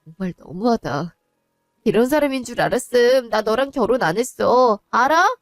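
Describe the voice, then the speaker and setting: A woman's voice: a little high, animated, normal speed, no echo, studio quality. A woman voicing a distraught young wife and daughter who pleads and cries out in a one-voice audio drama. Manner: pleading, rising to anguished cries.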